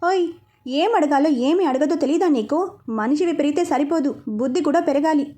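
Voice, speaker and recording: A woman reading the lines of a bossy young sister who scolds loudly. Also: sits high, a little fast, natural voice. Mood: scolding. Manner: scolding, loud. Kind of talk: storybook reading.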